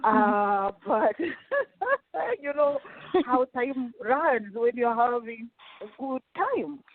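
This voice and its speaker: Host: woman with a slightly high voice, slow and gushing, on a tinny phone line. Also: big pitch swings. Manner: effusive, slow and affirming. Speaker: podcast host. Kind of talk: welcoming interview chat.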